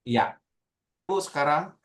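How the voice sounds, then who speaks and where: A man's voice: on the high side, animated, takes it slowly, a bit bright. Man on a video call, audio breaking up. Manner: rambling, long-winded questioning. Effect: choppy audio breaking up over a bad call connection. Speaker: university lecturer asking questions in an online workshop. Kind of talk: casual questions on a video call. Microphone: computer mic on a video call. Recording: echoey room over a video call.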